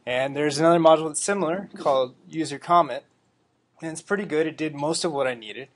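A man's voice: fairly high pitch, fast. A man giving a casual presentation at a developer meetup, talking loosely with lots of fillers. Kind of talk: casual tech demo talk. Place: meeting room.

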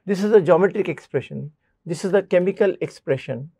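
A man's voice: high-pitched, fairly quick, creaky, mellow, breathy edge, no echo. A man teaching a basic math lesson. He addresses students directly and repeats key points.

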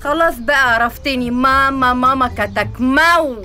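An actress playing a bossy, sharp-tongued mother of the bride with an Egyptian accent, mocking the groom. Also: high-pitched, moderate pace, soft background music. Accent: Egyptian Arabic.

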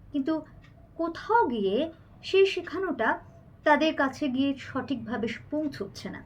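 A woman's voice: high-pitched, a bit bright. A woman recitation teacher giving a spoken lesson on pronunciation, carefully demonstrating sounds one at a time. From Bengal.

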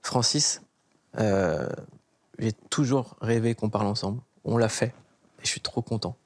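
A man's voice: on the low side, a little slow. A man hosting an interview, asking playful, teasing questions in a casual way. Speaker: interviewer, host.

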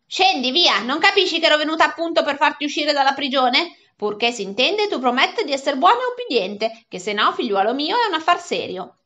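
A woman's voice: high-pitched, big pitch swings, brisk, hardly any pauses, pushed and bright, pitched above the performer's own voice, full character voice. A woman reading aloud and voicing a pompous middle-aged school directress who declaims dramatically. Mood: stern. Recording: dull lo-fi recording.

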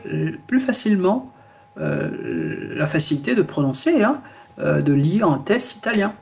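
A man gives a classroom lesson in a slightly raised voice with a gravelly edge. He talks at a slow, deliberate pace. He keeps repeating himself and fills the gaps with hesitant sounds. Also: a little high. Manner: slow, repetitive explaining with frequent fillers. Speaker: language teacher.

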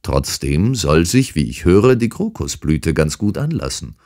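A man voicing a calm, dryly ironic detective. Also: low voice, measured pace. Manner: calm, unshaken, dry irony. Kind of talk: audiobook character reading.

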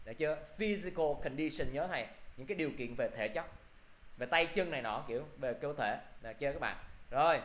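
A man's voice: medium pitch, lively intonation, fast talker, fairly bright tone, echoey room. A male teacher quizzing his class through an English review, often checking if they follow. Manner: quizzing students, repeating "được chưa?".

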